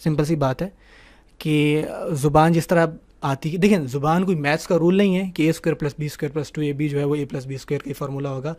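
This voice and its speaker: A man's voice: fairly high pitch, a little mellow. A male teacher giving an online grammar lesson. He explains patiently, checks in with the class often and mixes English words into his talk. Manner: explanatory, asks "ٹھیک ہے نا" often.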